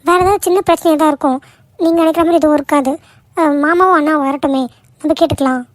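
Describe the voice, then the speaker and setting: A woman's voice: high-pitched, fairly even intonation, fast, no echo, natural voice. A woman voicing a caring young daughter-in-law in a cartoon, pleading and soothing. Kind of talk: cartoon voice acting.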